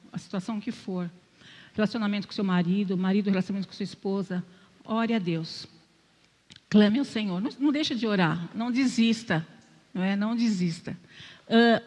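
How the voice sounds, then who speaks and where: Older Brazilian woman preaching in a reverberant hall. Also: mid-range voice. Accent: Brazilian Portuguese. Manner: chatty, keeps asking "né?", self-deprecating humor. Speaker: lay speaker at church. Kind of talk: conversational sermon with personal testimony. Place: church sanctuary.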